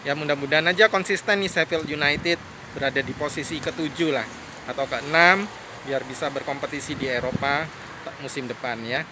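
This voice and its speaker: Filming himself on a handheld phone as he strolls by a stadium, a man in his thirties muses aloud casually, full of filler words. He speaks at normal speed in a steady, slightly high voice. Street noise and passing cars fill the noisy outdoor recording.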